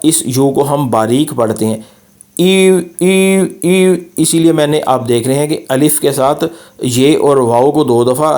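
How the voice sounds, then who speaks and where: A man teaches pronunciation over slides, slowly repeating sounds for practice. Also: mid-range voice, darkish tone. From Pakistan. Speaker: language teacher. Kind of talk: slide-based pronunciation lesson.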